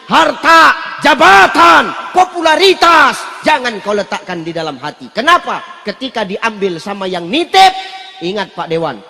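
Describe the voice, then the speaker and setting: A man preaching a humorous sermon, joking and teasing, with sudden shouted bursts. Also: high voice. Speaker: Islamic preacher. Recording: long hall reverb.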